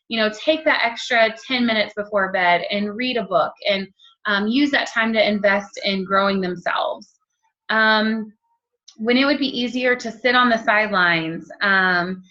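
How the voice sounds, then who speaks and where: Fast-talking bright woman, motivational chat. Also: mid-range voice. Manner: quick, chatty, many ums and you-knows. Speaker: network marketing team leader. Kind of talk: casual motivational talk to camera. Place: home. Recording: dull lo-fi home recording.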